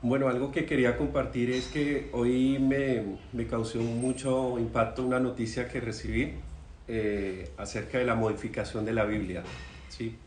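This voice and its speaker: A man's voice: mid-range voice, little pitch movement, moderate pace, slight background noise. A man earnestly sharing news in a church Bible study discussion, often stumbling and repeating words. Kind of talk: group discussion. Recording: roomy recording.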